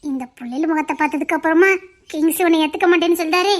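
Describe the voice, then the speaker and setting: A very high, light-voiced young sister-in-law, played by a woman who soothes and coaxes with soft affection. She is caring and a little playful, speaking gently in this audio drama. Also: quick pace. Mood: soothing.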